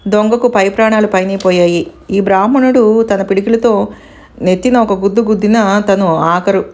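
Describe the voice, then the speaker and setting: A woman narrating a devotional story in a steady, expressive reading voice. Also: mid-range voice, normal speed.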